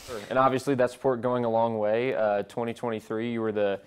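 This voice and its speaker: A man's voice: mid-range voice, level tone, brisk, clean tone. A young man, a radio station host, asking chatty, friendly questions in a casual interview while getting a haircut in a barbershop basement. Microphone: lapel.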